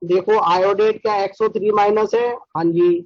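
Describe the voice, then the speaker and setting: A man teaches a chemistry lecture with a high-pitched voice. He sounds brisk and scolding as he keeps pushing his students to answer quickly. The recording is dry and dull, with a lo-fi edge. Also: fairly even intonation, dry recording.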